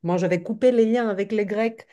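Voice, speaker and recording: A woman in her forties from Crete with a Greek accent, a podcast guest telling her story in lively casual chat, laughing often. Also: mid-range voice, fairly quick. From Crete, Greece. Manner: animated, laughs often, proud and emphatic.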